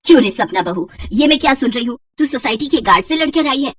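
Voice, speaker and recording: Woman doing a lower, strict cartoon saas, scolding, bit off mic. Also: lively intonation, fast, husky, distant mic. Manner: scolding, proverb-quoting. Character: stern older mother-in-law.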